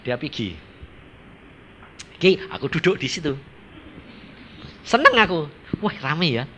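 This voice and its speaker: A man preaching a storytelling sermon, lively and dramatic, swinging between loud and hushed. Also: mid-range voice, lo-fi sound, a little hiss or hum. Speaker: evangelist preacher.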